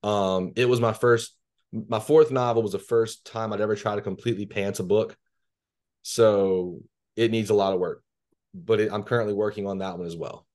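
Over a laptop-camera video call from his bedroom, a guest author from Louisiana, in his thirties, reads his own horror fiction aloud. His reading voice is low, even and measured, and afterward he answers questions in a relaxed way.

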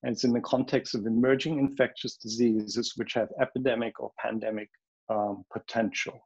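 A man speaks at a panel over a video call, frank and opinionated, stopping often to hunt for words. His voice is gravelly with a husky edge. The call audio sounds dull and lo-fi. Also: medium pitch, steady tone, normal speed, darkish tone. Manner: hesitant, many ums, frank and opinionated. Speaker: panel speaker, wildlife health director. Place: home or office in the Bronx.

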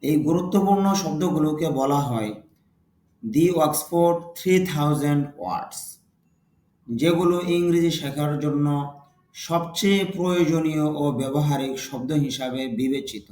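A man with a Bangladeshi accent teaching English vocabulary, repeating each word twice with its meaning and stressing the English word louder. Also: fairly high pitch, normal speed, echoey room. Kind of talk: slow, deliberate vocabulary lesson with repetition.

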